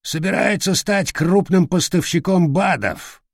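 A creaky, cheeky male parrot who needles everyone with smug jokes, as a male reader puts him on. The voice sits higher than a plain talking voice and grates with a husky edge. It is an audiobook character. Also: a little slow, no room sound, studio quality. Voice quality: creaky, grating. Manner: mocking, smug. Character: sarcastic teasing male parrot, raspy and cheeky.

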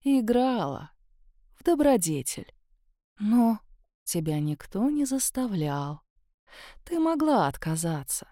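Woman putting on a snarky ghost lady, low and quiet, dark mellow voice, dead dry studio sound. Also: sing-song, slow, pauses often, no room sound. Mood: sardonic. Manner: mocking, low and hushed. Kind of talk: audiobook character voice.

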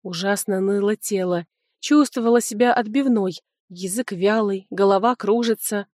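A woman reading a first-person fantasy audiobook in a lively, expressive way, close to the mic. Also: medium pitch, normal speed, dry recording. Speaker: audiobook narrator.

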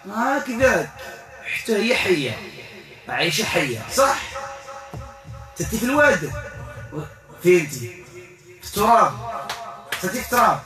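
A man with a Moroccan accent leading a ruqya exorcism session, questioning and commanding a spirit in a forceful, interrogating manner. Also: high voice, reverberant. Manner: commanding, interrogating, with Quran recitation. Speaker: ruqya healer.

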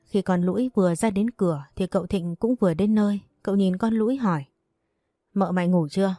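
A woman narrating an audio novel in an even storytelling manner. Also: medium pitch, quick pace, dry recording, studio quality, faint music behind.

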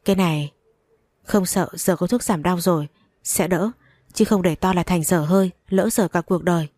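A woman's voice: fairly low pitch, normal speed, a little mellow, no room sound, clean studio sound, close to an everyday voice. A woman voicing a stern middle-aged mother who scolds and laments. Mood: scolding.

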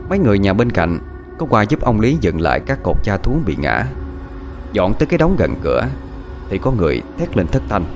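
Low-voiced man narrating a ghost story. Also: very animated, a little fast, soft background music. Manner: dramatic storytelling.

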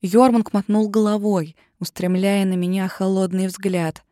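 A woman narrating a first-person fantasy audiobook with tense, expressive storytelling. Her voice sits at a middle pitch. The recording is dry and close, with no room sound. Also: normal speed, no echo.

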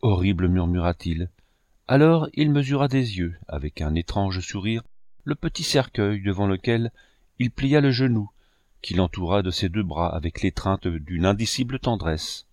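A man giving a measured, solemn audiobook narration of a novel. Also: lowish voice, animated, a little mellow, no echo, clean studio sound. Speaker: audiobook reader.

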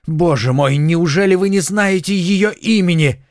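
A man reading an audiobook and voicing a hot-blooded young male musketeer who shouts in desperation. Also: sits high, a little slow, no echo, clean studio sound, pitched above the performer's own voice. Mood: alarmed. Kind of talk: audiobook character voice.

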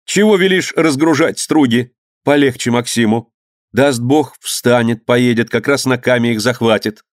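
A man voicing a young merchant's wife who speaks firmly and briskly. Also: mid-range voice, dry recording, clean studio sound, natural voice. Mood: impatient.

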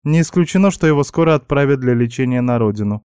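A calm, businesslike healer woman, as a man puts her on, speaking in a slightly lifted, dark and dry voice. She reassures without fuss. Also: mid-range voice, quick pace, smooth, dry recording, pitched above the performer's own voice, natural voice. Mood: reassuring. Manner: composed, reassuring, matter-of-fact. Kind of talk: audiobook character voice.

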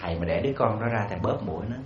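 A man's voice: on the low side, very fast, background noise. A man giving a storytelling dharma talk as a Buddhist monk, putting rhetorical questions to his audience. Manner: animated, acts out quoted voices. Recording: roomy, slightly dull hall recording.

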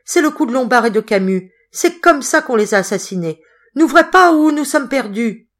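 A woman's voice: sits high, lively intonation, normal speed, pitched above the performer's own voice. A woman reading an audiobook, voicing a cowardly innkeeper who stammers in panic. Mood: panicked. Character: terrified old male innkeeper, cowardly.

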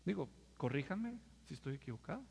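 A man's voice: on the high side, big pitch swings, a little fast, gravelly, a little mellow, slightly rough. A male pastor, preaching a sermon and firing rhetorical questions at the congregation. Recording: long hall reverb.

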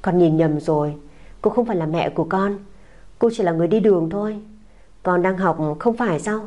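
Woman reading as a young mother, gentle, coaxing, tender, warm, slightly raised pitch. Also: fairly quick, natural voice. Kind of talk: audiobook character voice.

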